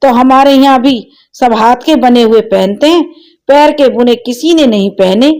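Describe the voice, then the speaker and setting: A woman voicing a cheeky, sharp-tongued young woman who answers back with witty replies. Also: a little high, normal speed, voice pushed up, natural voice.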